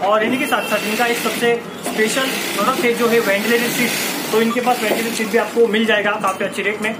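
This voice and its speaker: A man's voice: high voice, fairly even intonation, quick pace. A young man guiding viewers through a workshop in casual tour narration, upbeat and talking straight to the audience. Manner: upbeat, addresses viewers directly. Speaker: vlogger touring a workshop. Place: busy car seat cover workshop, indoors. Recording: loud background noise in a workshop.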